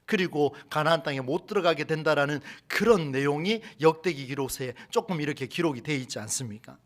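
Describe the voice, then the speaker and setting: A man preaching a Sunday sermon as a pastor in a church, animated, with rhetorical questions and acted-out quotes. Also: a little high, fairly quick. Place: church sanctuary.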